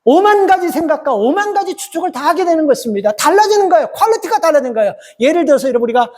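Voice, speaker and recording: A man's voice: very high voice, sing-song, rapid-fire, darkish tone. A middle-aged male pastor preaching a sermon in an emphatic way, repeating short phrases for stress.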